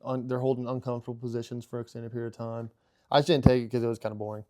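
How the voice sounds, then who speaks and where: A male podcast co-host chatting casually outdoors by a campfire. His voice is mellow and dark, and he rambles with frequent restarts. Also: medium pitch, little pitch movement, racing. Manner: rambling, lots of restarts and laughs. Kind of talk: casual chat.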